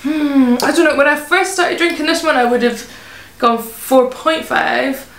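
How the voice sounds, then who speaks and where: A woman's voice: sits high, a little slow, fairly bright tone. A woman reviewing craft beer in casual chat, chatty and giggly, often trailing off mid-sentence. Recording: echoey room.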